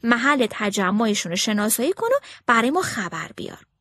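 A young fighter gives hushed, conspiratorial instructions, as a woman narrator reads his lines. He speaks quickly and in a low-key way. The sound is dry and close. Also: big pitch swings, dry recording. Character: young male fighter giving secret advice. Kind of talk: storybook character voice.

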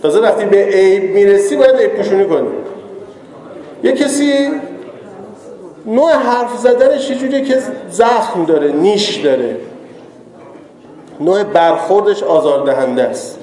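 High-voiced man preaching in an echoey hall. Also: expressive, pauses often, warm tone. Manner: chatty and joking, rising to emphatic moralizing. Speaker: religious lecturer. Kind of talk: conversational sermon to a live audience. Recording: echoey hall with long reverb.

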